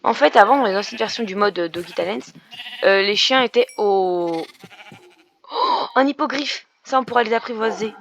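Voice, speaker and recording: At a moderate pace and in a mid-range voice, a young female YouTuber narrates her Minecraft session in a talkative way, restarting sentences and using lots of fillers. A faint hiss or hum runs under the recording.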